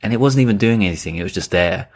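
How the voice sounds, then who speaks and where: Low-voiced man, relaxed casual chat. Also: racing.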